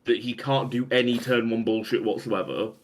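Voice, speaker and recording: A man's voice: mid-range voice, steady tone, normal speed. Dry, sarcastic man. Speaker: podcast co-host. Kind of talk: casual tabletop game discussion.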